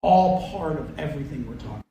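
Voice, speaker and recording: A man's voice: fairly high pitch, lively intonation, a little fast, dark tone. A man speaking as an athletic director in a candid team meeting, blunt, profane and emphatic, in an unscripted way. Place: indoor meeting room, far from mic. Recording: echoey room, distant noisy covert-sounding audio.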